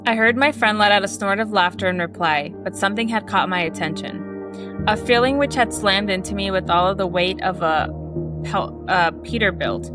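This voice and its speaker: Woman horror-story reader, steady live narration, mid pitch, soft music behind. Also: normal speed. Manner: steady narration with small self-corrections.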